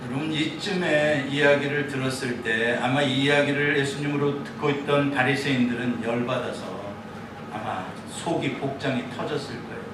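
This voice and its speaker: A man preaching a sermon as a pastor, telling the story in an animated way and asking the congregation questions. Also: medium pitch, normal speed, heavy reverb, recorded from a distance, background noise. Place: church sanctuary.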